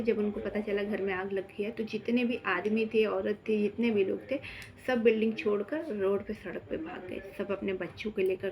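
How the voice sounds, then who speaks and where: A woman's voice: medium pitch, a little mellow. A young adult woman telling a spooky true story in a casual, conversational way, asking herself questions and using fillers as she goes. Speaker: storyteller on a spiritual channel.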